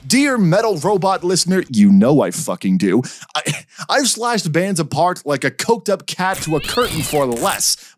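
A man hosting a metal music podcast, talking in an energetic, jokey and profane way as he reviews albums. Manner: animated, jokey, profane, swings pitch up for emphasis. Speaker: podcast host.

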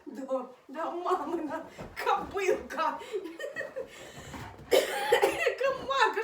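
High, lively woman cooing at her dog. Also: far from the mic. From Ukraine. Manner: playful cooing baby talk; teasing, laughing often. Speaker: dog owner. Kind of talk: casual home video talking to her dog. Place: at home indoors. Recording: roomy, from off-mic, faint noise.

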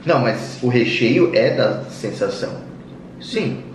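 A man's voice: medium pitch, expressive, takes it slowly, distant mic. Man talking while nibbling wafer, off-mic. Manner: enthusiastic, repeated exclamations. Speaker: co-host tasting snacks. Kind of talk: casual food-tasting chat. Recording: roomy, off-mic, faint noise.

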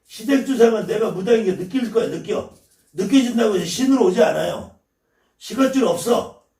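Blunt high-voiced scolding man. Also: darkish tone, reverberant, far from the mic. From Chungcheong, South Korea. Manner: blunt, scolding, swears freely. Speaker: shaman teacher. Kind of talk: lecture to viewers.

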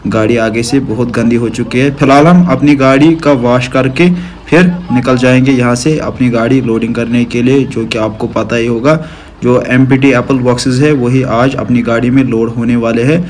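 A man's voice: medium pitch, steady tone, moderate pace, a little mellow, a little hiss or hum. Young trucker showing off his rig. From Kashmir. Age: young adult. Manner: friendly, shows things off to viewers. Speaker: trucker vlogger. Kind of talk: casual vlog walkthrough. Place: outdoors beside parked trucks and in the cab. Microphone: phone camera at arm's length.

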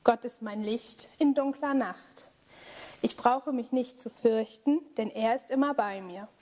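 A woman leading a children's church service, reading a story slowly, clearly and expressively. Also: on the high side, a little mellow.

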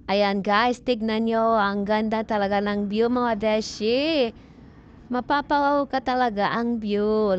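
A woman's voice: fairly high pitch, dull audio. A woman chatting playfully to her viewers while hiking on a mountain peak, filming with a handheld phone. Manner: bubbly, playful, addresses viewers as friends. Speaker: vlogger.

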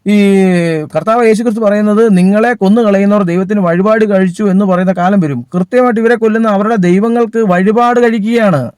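A man giving a sermon, pausing often with fillers and restarting his sentences. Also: high-pitched, steady tone, a little mellow, dry recording. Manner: halting, many fillers and restarts. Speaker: preacher.

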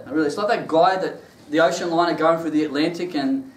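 A man preaching a sermon and telling his own testimony, animated and laughing through his stories. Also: a little high, fairly quick, slight background noise. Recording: echoey room, mic at a distance.

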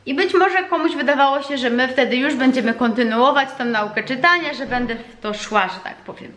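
A woman teaching her young son to read at home, explaining calmly and patiently with frequent hesitations. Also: high-pitched, a little fast. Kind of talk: home reading lesson vlog. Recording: echoey room with faint noise.

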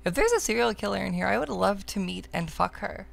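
This woman streams a game with casual, cheeky, playful commentary and reads its dialogue out loud. Her creaky voice is medium-pitched and expressive, and she speaks a little fast.

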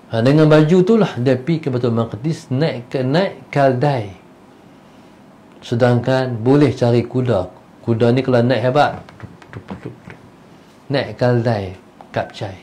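Animated preacher telling a story. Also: male voice, medium pitch, unhurried, pauses often, a little hiss or hum. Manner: animated, acts out the characters' voices; swings between loud bursts and soft asides. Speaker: religious teacher. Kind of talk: storytelling religious lecture.

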